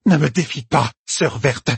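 A man doing a shrill enraged tyrant woman. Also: measured pace, gravelly, slightly rough, dry recording, full character voice. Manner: shrill, haughty, shouting. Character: furious tyrannical older woman, imperious ruler.

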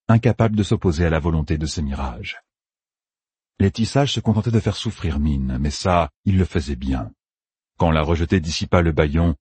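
A man narrating a fantasy audiobook in a dramatic, expressive reading. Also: sits low, husky, no room sound. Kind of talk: scripted narration.

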